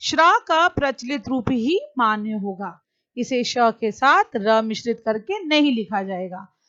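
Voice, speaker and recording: A woman's voice: a little high, expressive, unhurried, fairly bright tone, no room sound, dull audio. A woman teacher giving a grammar lesson, explaining patiently and repeating each example word.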